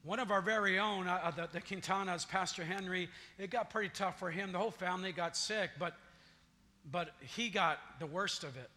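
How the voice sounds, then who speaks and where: Bright high-voiced preaching man. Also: fairly quick. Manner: preaching, builds to declarations. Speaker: pastor. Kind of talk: sermon. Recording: long church reverb, faint music.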